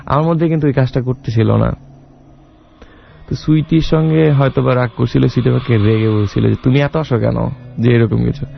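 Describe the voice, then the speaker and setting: A man's voice: medium pitch, fairly even intonation, a little fast, creaky, highs cut off, a little hiss or hum. A young man telling a long personal story in a rambling way, acting out the dialogue as he goes. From Bangladesh. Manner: rambling, with many restarts and quoted dialogue.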